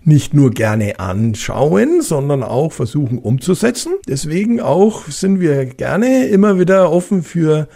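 With big swings in pitch on the high side, a mellow, gravelly voice unhurriedly tells stories, pausing little. It belongs to a middle-aged ex-police officer with a Franconian German accent, a guest whose casual anecdotes wander with fillers and restarts.

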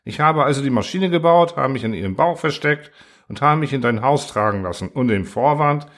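A flustered male robot constructor, put on by a man reading aloud, from a storybook. He protests and pleads in a pitched-up voice that rises and falls sharply. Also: animated, a little fast, fairly bright tone. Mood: pleading.

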